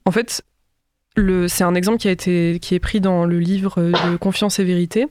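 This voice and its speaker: A young French woman casually explaining ideas as a podcast co-host, haltingly, as if thinking aloud. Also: lowish voice, fairly even intonation, noisy background.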